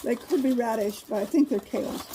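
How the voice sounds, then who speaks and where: A woman's voice: a little high, brisk, background noise. A woman chatting casually in a home vlog while sorting dried seed pods indoors, rambling and correcting herself as she goes. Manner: rambling, homey, self-correcting. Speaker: home gardening vlogger. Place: indoor plant room with newspaper on carpet. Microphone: camera mic set up nearby.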